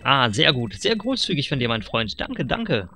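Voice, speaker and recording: A man's voice: medium pitch, normal speed, heavily acted. Man doing Rainer, a sly fox dealer. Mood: wheedling. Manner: smooth salesman patter, flattering. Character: sly pushy fox furniture dealer, male.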